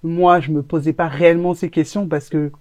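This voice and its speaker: A woman's voice: low voice, steady tone, a little fast, a little mellow, no room sound. A woman who grew up in Congo, co-founder of a brand, answering interview questions in a reflective, earnest way. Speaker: co-founder of a natural products brand.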